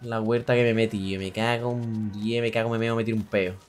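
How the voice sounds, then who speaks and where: A man's voice: on the low side, level tone, a little fast, soft background music. A man from Spain streaming a game, joking crudely, swearing and chanting a vulgar singsong rhyme. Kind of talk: casual gameplay commentary.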